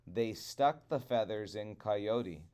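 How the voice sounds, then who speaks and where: A man telling a trickster tale as a storyteller, with deliberate, dramatic phrasing. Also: lowish voice, expressive, warm tone.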